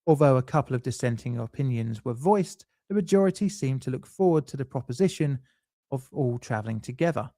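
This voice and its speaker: A man reading a scripted documentary narration in a measured, lightly dry explanatory way. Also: mid-range voice, expressive, warm tone, no echo.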